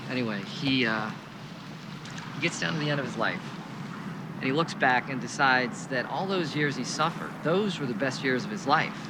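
An actor playing a wry, bookish middle-aged scholar, talking in short, dry, offhand phrases in naturalistic film dialogue. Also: male voice, medium pitch, close to an everyday voice. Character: wry, bookish uncle-like scholar consoling a teenager. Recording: very noisy outdoor waterside, boats behind.

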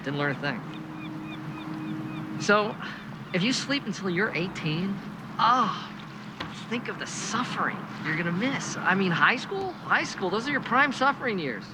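An actor playing a wry, bookish middle-aged scholar, talking in short, dry, offhand phrases in naturalistic film dialogue. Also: male voice, sits high, very animated, a little slow, pauses often. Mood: wry, encouraging. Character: wry, bookish uncle-like scholar consoling a teenager. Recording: very noisy outdoor waterside, boats behind.

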